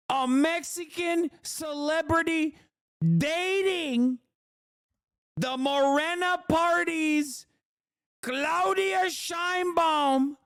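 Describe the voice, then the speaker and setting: A man parodying a woman who lectures her audience with slow, drawn-out, preachy delivery. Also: very high voice, fairly bright tone, pitched above the performer's own voice, heavily acted.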